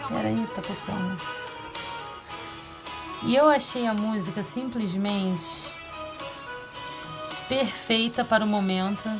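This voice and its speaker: A woman talking casually in a diary vlog, confessional and rambling, with quick asides to herself. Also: medium pitch, over music. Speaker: vlogger.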